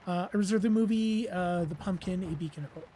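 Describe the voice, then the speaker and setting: A let's play host gives casual gameplay commentary in a brisk, medium-pitched, dark-toned voice, rambling with lots of fillers and self-deprecating asides. His voice sounds weakened and strained from losing it, and the recording has a little hiss or hum.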